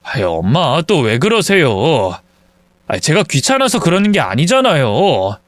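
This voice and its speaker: A man's voice: on the high side, huge pitch swings, a little slow, no room sound. A man voicing a timid son nearly forty who pleads apologetically with his mother. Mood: pleading.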